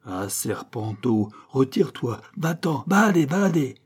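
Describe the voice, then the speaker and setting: A man voicing a furious old priest schoolmaster in an audiobook, shouting heavy-accented scolds. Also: mid-range voice, unhurried, natural voice.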